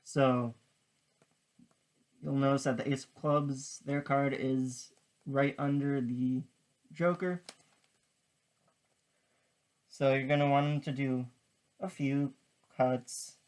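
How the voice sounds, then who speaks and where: A person giving casual card magician patter in a step-by-step tutorial, explaining in halting, piecemeal phrases. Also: medium pitch, steady tone, darkish tone. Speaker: card trick tutorial presenter.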